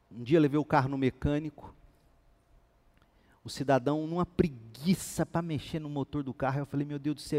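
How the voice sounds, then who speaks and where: A male pastor with a mid-range voice preaches a sermon full of lively storytelling, acting out the dialogue of the characters in his stories.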